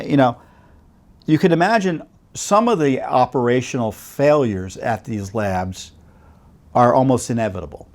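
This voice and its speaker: Male host, middle-aged, mid-pitched, loose conversational commentary with ums and asides. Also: a little mellow. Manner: conversational, with many fillers and rhetorical questions. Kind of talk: commentary to camera.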